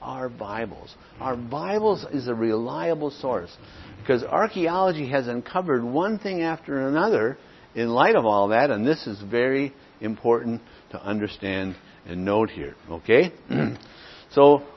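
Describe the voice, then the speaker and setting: A man's voice: medium pitch, lively intonation, measured pace, muffled recording, a little hiss or hum. A man teaching an evening Bible study, reading passages aloud and often checking in with "okay?". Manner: reads Scripture aloud, often asks "okay?". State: clears throat now and then.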